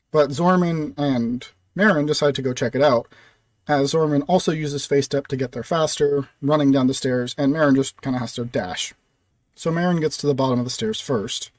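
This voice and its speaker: A man's voice: medium pitch, a little mellow, no room sound. A young man casually narrating a recap of his tabletop fantasy campaign, with loose phrasing full of "kind of" and "like".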